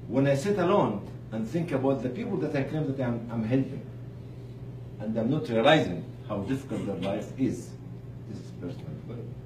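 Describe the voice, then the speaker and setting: Speaking to charity staff with a live audience present, a man gives a loose, religious motivational talk in a very animated pitch. Pauses, emphasis, and rhetorical questions mark his delivery; the mic sits far away in an echoing room, and noise is clearly audible.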